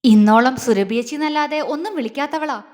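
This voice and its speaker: Woman doing a fierce, shouting young wife in an audio drama, high voice, long reverb. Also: fairly quick, lightly acted. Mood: furious. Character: furious young wife confronting a betrayer.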